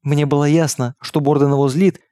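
A man narrates a novel in a steady, measured way. His voice sits a little high and sounds mellow and soft. The recording is dry and close, with no room sound. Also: dry recording. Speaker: audiobook reader. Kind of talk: scripted narration.

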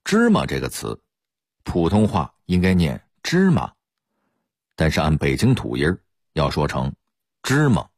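A man's voice: very deep voice, very animated, moderate pace, dry recording, studio quality. A man giving an explanatory radio talk as presenter, lecturing and demonstrating dialect pronunciations.

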